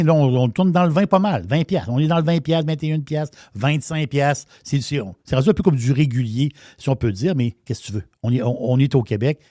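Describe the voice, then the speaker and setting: A man's voice: fairly high pitch, darkish tone, no room sound, clean studio sound. A middle-aged man with a Québécois accent, chatting casually as a radio wine columnist, repeating words and using slangy phrasing. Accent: Québécois French.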